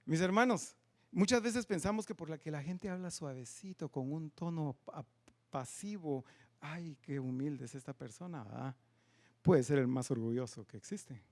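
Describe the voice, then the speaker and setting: Man preaching, high voice, rhetorical questions, loud then hushed, church sanctuary. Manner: swings between loud emphatic lines and quiet low asides. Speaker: pastor. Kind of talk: sermon.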